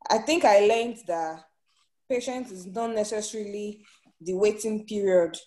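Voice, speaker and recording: A woman's voice: medium pitch, a little slow, dark tone, low-quality recording. A woman in an online discussion group on a video call, hesitantly explaining what she learned about patience. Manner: hesitant, searching for words with many ums. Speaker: group member. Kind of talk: casual online group meeting.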